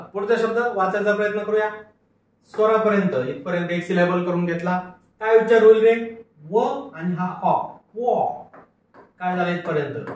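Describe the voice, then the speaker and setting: A man teaching English word reading, patiently asking questions and answering them himself in call-and-repeat drills. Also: high voice. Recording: very echoey room, mic at a distance.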